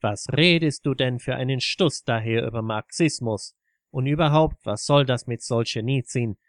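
An indignant man quick to flare up argues with scorn at a pub table. A man voices him while reading the story aloud. The recording is dry. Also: mid-range voice, dry recording, natural voice. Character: indignant left-wing man, quick to anger.

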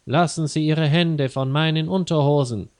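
A man voicing an angry, tired male traveler ranting loudly at a customs officer in a read-aloud story. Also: a little high, steady tone, moderate pace, no room sound, studio quality, pitched above the performer's own voice, lightly acted. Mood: shouting. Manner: loud indignant ranting.

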